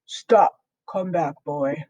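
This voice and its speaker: A woman voicing a bad, greedy male giant who shouts and roars his demands. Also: sits low, extremely slow, no echo, full character voice. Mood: roaring.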